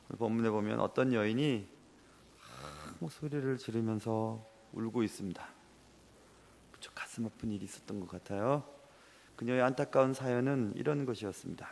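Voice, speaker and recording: A man's voice: medium pitch, vocal fry, long reverb tail. A man preaching a sermon as pastor, earnest and emotional.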